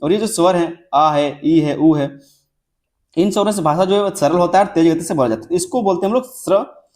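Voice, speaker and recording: Young man, high voice, lecturing, repeats himself, stretches example words. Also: darkish tone. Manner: repetitive, drawn-out example words with frequent checks like "theek hai". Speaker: teacher. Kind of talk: classroom lecture.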